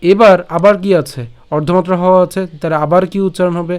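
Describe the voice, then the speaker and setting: Man, recitation teacher, slow syllable-by-syllable drilling, patient, smooth resonant voice, fairly high pitch. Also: steady tone. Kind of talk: online recitation lesson.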